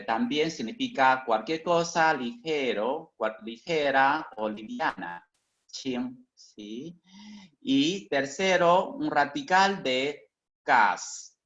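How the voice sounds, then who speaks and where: Very slow halting male lecturer, dull sound. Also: medium pitch, fairly bright tone. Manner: constant tag questions, halting and self-correcting. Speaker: teacher. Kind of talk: online lecture. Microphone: video call.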